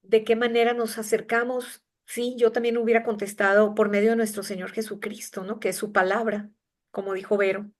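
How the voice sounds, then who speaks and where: A woman's voice: medium pitch, flat delivery, a little fast. A woman taking part in a devotional group on a video call, chatting and asking the pastor to confirm things. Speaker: participant in a devotional.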